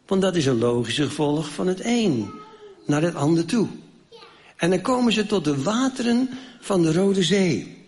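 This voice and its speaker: A man's voice: high-pitched, animated, moderate pace. Man preaching with a raised voice. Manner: storytelling, rhetorical questions, swings between raised and hushed. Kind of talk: sermon with Bible reading.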